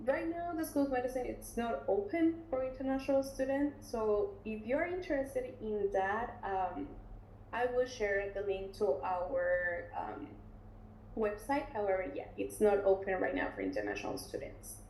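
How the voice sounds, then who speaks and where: A recruitment officer with a mellow, soft-edged voice of medium pitch presents and takes questions in a webinar at a moderate pace. She's relaxed and chatty, full of ums and restarts, and her computer mic catches a roomy echo and faint background noise.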